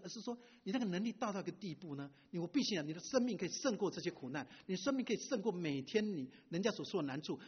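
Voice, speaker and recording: A middle-aged male pastor giving a lively sermon, often asking the audience questions and mixing in English words. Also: high-pitched, slightly rough. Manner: animated preacher, asks the audience questions, mixes in English words. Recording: dull lo-fi recording.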